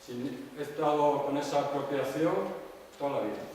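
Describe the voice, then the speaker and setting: A man's voice: fairly high pitch, fairly even intonation, normal speed, a little mellow. A man who grew up in the Canary Islands gives an anecdotal talk at a conference, wandering through stories with frequent restarts and asides to the audience. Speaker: visiting artist giving a talk. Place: large echoey hall with an audience. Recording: echoey hall, voice from far off, faint noise.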